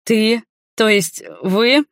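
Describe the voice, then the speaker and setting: A woman reading an audiobook and voicing a gallant young man who speaks slowly and sounds flustered. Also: a little high, no room sound, clean studio sound, pitched above the performer's own voice.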